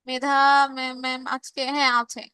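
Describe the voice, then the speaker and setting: A woman with a high, bright voice and a Bangladeshi Bengali accent teaches a live online revision class. She explains step by step, pausing on fillers and restarts, and reads students' chat messages aloud. The recording is close and dry, with no room sound. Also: flat delivery, clean tone, no echo.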